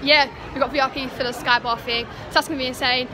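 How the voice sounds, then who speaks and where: A woman with a British accent vlogging to camera in a gushing, excitable way, repeating words for emphasis. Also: high-pitched, fast, crowd noise. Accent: British English. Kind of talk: casual vlog to camera. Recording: noisy handheld vlog audio.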